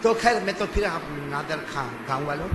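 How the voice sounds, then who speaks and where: A man preaching a dramatic sermon, swinging from loud shouting to hushed, quiet lines. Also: on the high side, animated. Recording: echoey hall with loud background noise.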